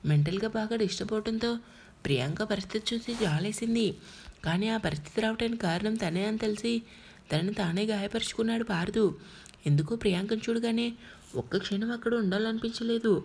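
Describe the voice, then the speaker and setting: A woman's voice: mid-range voice, fairly quick, vocal fry, a little mellow, breathy edge. A woman narrating an emotional family drama as an audiobook storyteller, telling it expressively.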